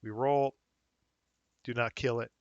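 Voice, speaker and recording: A man hosting a wargame rules tutorial, talking casually and thinking aloud with fillers as he checks the rules, a little hoarse. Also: mid-range voice, fairly even intonation, takes it slowly, dry recording, lo-fi sound. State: slightly hoarse, losing his voice. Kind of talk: screen-recorded game rules walkthrough.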